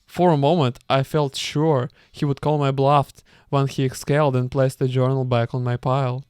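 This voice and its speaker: A man's voice: mid-range voice, flat delivery, normal speed, darkish tone, clean tone, no echo, clean studio sound. A man reading a book aloud with commentary, stumbling now and then and breaking off with amused asides. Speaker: reader.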